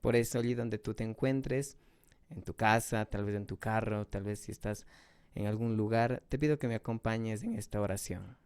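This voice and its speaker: Smooth-voiced devout radio host man. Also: lowish voice, darkish tone, no room sound. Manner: measured, devout, slows for prayers.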